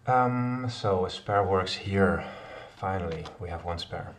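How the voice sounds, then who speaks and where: In his home office, a middle-aged programmer live-codes a kata, his deep voice moving at a slow pace. He thinks aloud haltingly, with lots of fillers and self-corrections. The audio has him sounding distant, with clear noise plus keyboard clicks and typing behind him.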